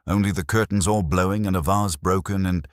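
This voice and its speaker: A man's voice: low-pitched, fairly quick, dry recording, studio quality, pitched above the performer's own voice, close to an everyday voice. A man voicing a frightened young parlour maid who speaks in broken, rustic phrases.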